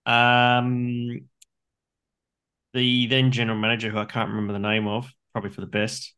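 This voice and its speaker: A man's voice: medium pitch, monotone, normal speed, sharp tone, smooth. A man with an Australian accent co-hosting a casual beer chat in a colloquial, matey way. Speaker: beer show co-host, brewer.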